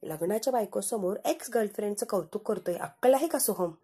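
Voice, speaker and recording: A woman's voice: mid-range voice, animated, a little fast, warm tone, breathy edge. A woman recapping a TV serial episode in a dramatic way, acting out the lines and adding sarcastic, mocking asides. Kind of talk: dramatic recap with acted-out quotes.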